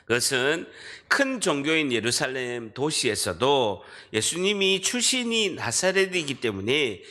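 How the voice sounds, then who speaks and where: A man's voice: mid-range voice, very animated, unhurried, pushed and bright. A middle-aged man from Busan, preaching a sermon as pastor with a Busan accent and emphatic delivery, guiding the congregation through the text. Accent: Busan dialect. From Busan, South Korea. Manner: emphatic preaching, directing the congregation to read and underline. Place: church sanctuary.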